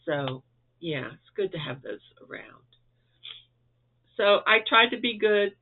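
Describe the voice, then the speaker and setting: A Florida man with a high-sitting voice and lively intonation talks a little slowly, sounding stuffed up and losing his voice. He's a crochet vlogger giving viewers a chatty, rambling update from indoors at home, chuckling often. The tinny, phone-like audio carries slight background noise.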